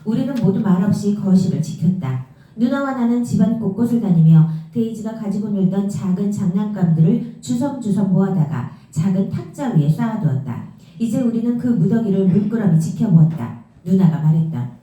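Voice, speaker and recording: A woman reading a novel aloud in a steady storytelling manner. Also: medium pitch, a little fast. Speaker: book reader. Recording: very roomy echo, mic far off.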